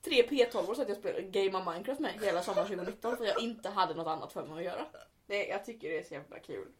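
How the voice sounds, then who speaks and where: A young woman chatting casually with her brother, laughing through her stories, swearing offhand and acting out shrill cries when she retells them. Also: slight background noise. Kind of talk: casual chat.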